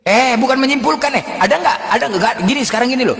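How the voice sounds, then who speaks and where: High-pitched bright preacher man, challenging. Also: very fast, vocal fry. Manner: challenging, repeats questions, mocking. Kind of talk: heated live debate. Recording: echoey room with long reverb.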